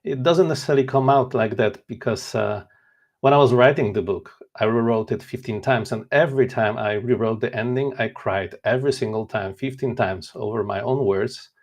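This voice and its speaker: Speaking at a moderate pace in a medium-pitched voice, he chats casually as an author guest in an interview. He's a native Polish speaker from Poland in his forties, and his manner stays earnest, candid and self-deprecating.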